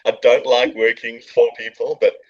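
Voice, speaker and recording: Here a middle-aged South African man chats as a podcast guest in a coworking space, a business owner sharing his story in a relaxed interview full of jokes and fillers. He has a mid-range voice and a level tone and talks at normal speed. The sound is lo-fi.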